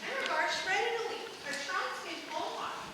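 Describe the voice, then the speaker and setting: A woman's voice: very high-pitched, expressive, normal speed. Young woman playing a tart old housekeeper. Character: fussy older female housekeeper, tart. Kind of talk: school stage play. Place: large auditorium stage. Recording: echoey hall from far off, noisy.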